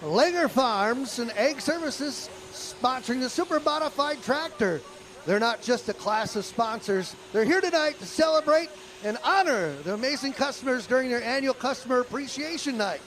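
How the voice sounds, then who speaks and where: High-pitched male tractor pull announcer. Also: expressive, normal speed, fairly bright tone, low-quality recording. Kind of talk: live event announcing with sponsor reads and banter.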